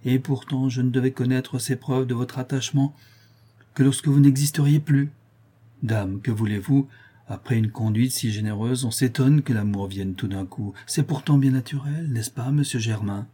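A man reading an audiobook, voicing a frank, cheerful young woman who pleads lovingly, pitching his voice higher. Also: fairly even intonation, moderate pace, dark tone, breathy edge, lightly acted.

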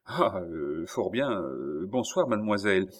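Un homme lisant un livre audio et faisant la voix d'un jeune prince hardi et moqueur qui parle fort. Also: male voice, sits low, sing-song, a little slow. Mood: poli. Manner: brash, mocking, shouts at the door. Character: bold young prince, cheerful and impetuous.

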